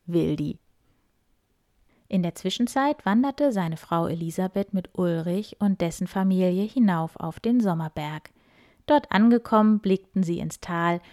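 A woman reading a children's story aloud, lively and expressive. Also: on the low side.

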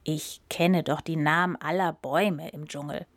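A woman voicing a proud, haughty male elephant in a storybook reading, her voice pushed lower. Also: fairly even intonation, moderate pace, no echo.

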